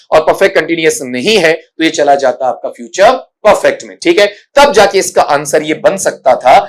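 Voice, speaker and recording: A middle-aged male teacher giving an exam-prep grammar lesson, with a slightly raised voice. He explains step by step, calls his students "beta," and slows down to spell out English words sound by sound. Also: fairly high pitch. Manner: mixes English grammar terms into his talk.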